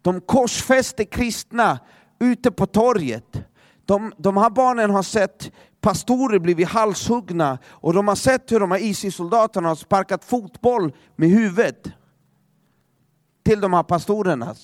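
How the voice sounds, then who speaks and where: Male preacher, high voice, dry close sound, dramatic storyteller who goes quiet for emphasis. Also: no room sound. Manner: dramatic, drops to a hush for emphasis; repeats words as he restarts. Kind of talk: sermon storytelling.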